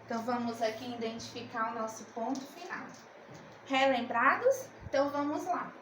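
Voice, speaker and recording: Lady teacher, high voice, slow and coaxing, echoey room. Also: noisy background. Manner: slow, coaxing, asks and answers her own questions. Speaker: primary school teacher. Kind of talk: remote literacy lesson.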